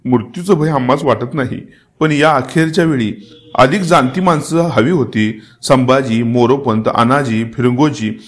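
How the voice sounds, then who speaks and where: Man reading as a dying elderly king, weary yet commanding, higher and louder than his narration, emotional storybook reading. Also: unhurried, lightly acted. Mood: fervent. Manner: emotional, rising to pleading and commanding outbursts. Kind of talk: dramatic reading of a historical novel.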